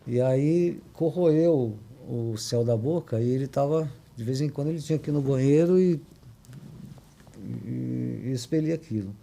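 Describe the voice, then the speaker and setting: An older man from Brazil, a podcast guest, telling a personal family story in a halting way, with many restarts and tag questions. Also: mid-range voice, gravelly, mellow.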